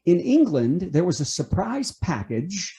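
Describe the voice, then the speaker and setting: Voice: medium pitch, sing-song, a little slow, gravelly, mellow. A comedian delivering a topical monologue of punchy late-night jokes, setting up news items and landing punchlines.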